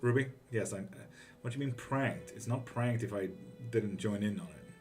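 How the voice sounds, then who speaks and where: On a live tarot stream, the host, a man from Greece, reads viewer comments aloud, relaxed, profane and chatty, breaking into quick laughs. His low-leaning voice sits over soft music in the background.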